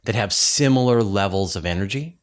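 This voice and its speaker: A man hosts a conversational science interview in a voice on the low side, speaking a little quickly. Curious and thinking aloud, he rephrases ideas so a lay audience can follow.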